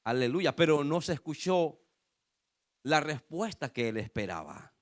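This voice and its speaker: A man's voice: fairly high pitch, sing-song, unhurried. A pastor preaching a sermon to his congregation, repeating phrases with fervor and frequent calls of "aleluya". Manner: rhetorical questions and repetition.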